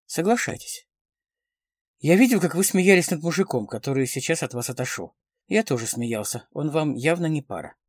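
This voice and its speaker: A man reading the part of a smooth, confident man around forty who speaks in a pleasant baritone, in a dry close recording. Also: expressive, moderate pace, no echo. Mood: suave.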